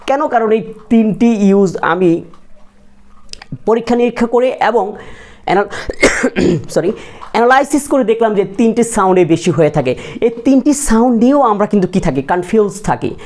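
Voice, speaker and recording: A woman's voice: mid-range voice, animated, moderate pace, darkish tone. A woman with a Bangladeshi accent teaching English pronunciation at a board. She explains step by step, asks questions and answers them herself, mixes English into her Bengali and coughs now and then. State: coughing, clears her throat. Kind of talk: classroom lesson at a board.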